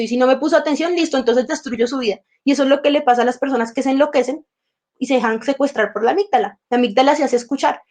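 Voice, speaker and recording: Leading a workshop on emotional intelligence, this teacher talks in a conversational way and performs imagined inner conversations with her feelings. She has a high, somewhat dark voice and a slightly sore throat.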